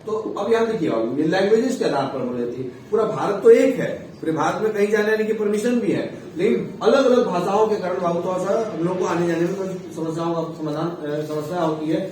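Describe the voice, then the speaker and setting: A man's voice: high-pitched, a little fast, hardly any pauses, darkish tone. A man teaching a civics lesson to students in a casual way, often checking in with his listeners as he explains. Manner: casual, repeats "theek hai" and calls students "babu". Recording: echoey, far from the mic, faint noise.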